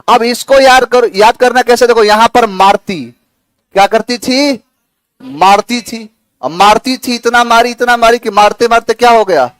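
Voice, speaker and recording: A man with a very high voice lectures a classroom in a chatty, coaxing way, repeating key words and spinning playful memory tricks. The sound is dry and close. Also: fairly bright tone, no room sound. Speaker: English teacher.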